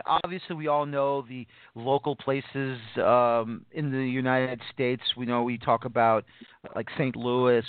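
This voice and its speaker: A man's voice: mid-range voice, no echo. Man, podcast host, rambling, repeats himself, tinny phone line, dry sound. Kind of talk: casual interview chat.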